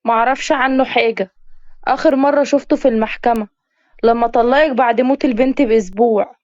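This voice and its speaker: A woman with an Egyptian accent voicing a calm, gentle father consoling his daughter in a spoken story. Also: a little high, fairly quick, no room sound, dull audio, close to an everyday voice. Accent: Egyptian Arabic.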